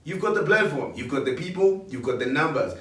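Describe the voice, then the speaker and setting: A man's voice: a little high, animated, fairly quick, a bit bright. A man presenting award nominees in a countdown with an upbeat, hype-style pep talk. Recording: roomy, distant mic.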